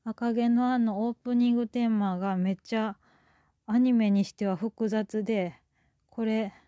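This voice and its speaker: A woman's voice: fairly high pitch, steady tone, normal speed, mellow, no room sound, dull audio. A woman with a Kansai accent hosting her own podcast, retelling a story in a chatty, rambling way with many fillers. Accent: Kansai Japanese. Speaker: podcast host. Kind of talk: casual storytelling monologue.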